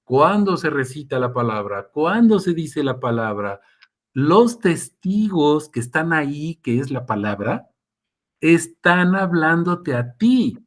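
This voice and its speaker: Fairly high-pitched with big swings in pitch, this man takes his time. He's a relaxed preacher fielding questions in a live Q&A sermon, chatting conversationally, asking the audience things often, and performing quotes.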